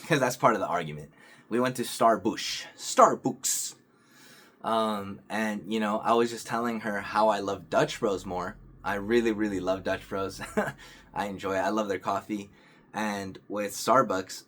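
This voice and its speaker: A young man vlogging, telling a personal story in a calm, earnest, rambling way with many restarts and fillers. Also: fairly low pitch. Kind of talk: casual storytelling to camera.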